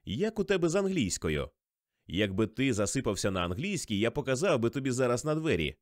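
A man's voice: mid-range voice, sing-song, a little fast, no echo, clean studio sound, close to an everyday voice. A man reading aloud and voicing a jovial, slightly tipsy middle-aged male teacher who jokes a lot. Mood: hearty, joking. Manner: joking, expansive.

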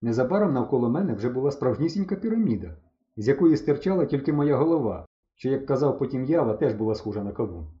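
A man reading a humorous story aloud in the first person, with lively, mock-dramatic narration. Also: medium pitch, fast. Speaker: audiobook narrator. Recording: dull lo-fi recording.

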